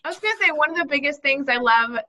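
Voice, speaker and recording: A woman's voice: sits high, animated, quick pace, pushed and bright. A woman participant sharing a thought casually on a video call.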